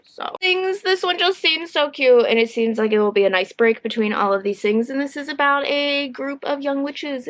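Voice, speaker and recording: A woman with a bright, high-pitched voice chats casually to camera as a book vlogger. She is upbeat and talkative, and she wanders through her thoughts with plenty of fillers. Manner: chatty and upbeat, rambling with fillers. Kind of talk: casual chat.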